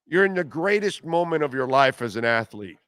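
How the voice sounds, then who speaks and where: A man's voice: medium pitch, big pitch swings, a little fast, a bit bright, clear, resonant tone, no echo, studio quality. A man hosting a radio show, delivering a mocking, exasperated comedy rant that escalates as sports-talk commentary.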